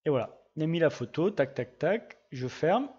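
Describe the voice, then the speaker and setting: A man giving a casual screen-recorded software tutorial, chatting through each click with little sound words. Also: a little high, sing-song, normal speed, slightly rough, dull audio. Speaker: GIS tutorial presenter.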